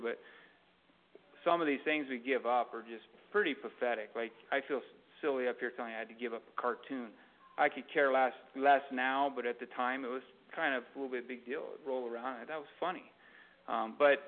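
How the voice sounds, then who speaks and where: A man preaching a sermon in an easygoing, conversational way, with fillers and side stories. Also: medium pitch. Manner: conversational, rambling with fillers and asides. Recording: tinny phone-like lo-fi recording.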